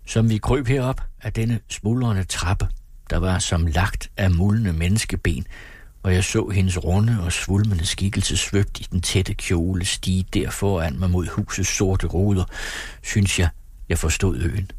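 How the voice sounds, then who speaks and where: Deep husky guy reading a novel, slow n dramatic, dry close sound. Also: darkish tone, no room sound. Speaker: audiobook narrator. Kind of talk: scripted literary narration.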